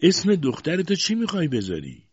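A man's voice: on the low side, sing-song, slightly rough, dry recording, pitched above the performer's own voice, heavily acted. A man voicing a stern, harsh older spinster aunt who speaks coldly and mockingly, in a dull, dry lo-fi recording.

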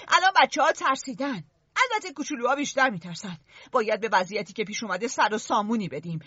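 A woman's voice: sits high, sharp tone, no room sound, lo-fi sound, full character voice. A woman voicing Ralph, an earnest, stern boy chief who lectures and scolds the others. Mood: grave.

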